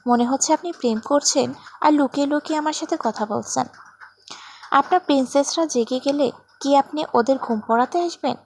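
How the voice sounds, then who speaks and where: A woman's voice: high voice, normal speed, darkish tone, slight background noise. A woman reading a story voices a playful, teasing young man in a story.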